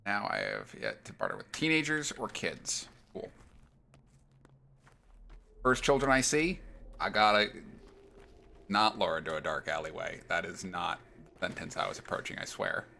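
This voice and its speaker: A man's voice: sits low, big pitch swings, normal speed, vocal fry, pushed and bright. A man streaming a video game, chatting casually in a playful, jokey way and reading the game's dialogue aloud. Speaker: gaming streamer. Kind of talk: casual gaming commentary.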